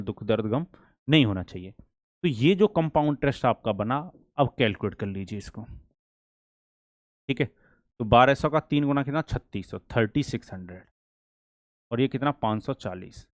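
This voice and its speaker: Man, maths teacher, exam-prep lesson, mid-pitched voice, quizzes the class, dry sound. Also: no room sound. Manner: drills students with questions, then answers them himself; reads questions slowly and deliberately.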